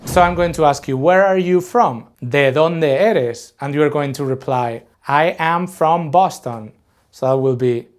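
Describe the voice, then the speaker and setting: A man from Madrid, teaching a lesson and saying model phrases slowly for learners to repeat. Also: on the high side. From Madrid, Spain. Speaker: language teacher. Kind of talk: scripted language lesson.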